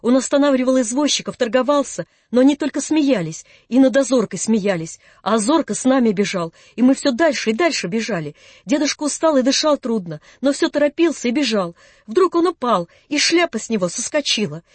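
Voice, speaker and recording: A narrator reading classic prose for an audiobook in a soft, measured storytelling manner. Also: sits high, animated, dry recording.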